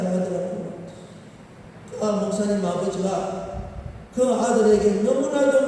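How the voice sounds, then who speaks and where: A man preaching a revival sermon as pastor, telling the story with emphasis and often prodding his listeners with a quick "eh?". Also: high-pitched, dark tone, slight background noise. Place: large prayer-retreat hall. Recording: echoey hall, voice from far off.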